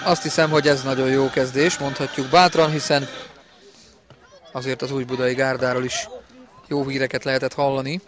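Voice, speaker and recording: A man giving excited live football commentary as a partisan match commentator. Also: mid-range voice, music in the background. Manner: excited, builds to shouted goal calls, partisan for the home team.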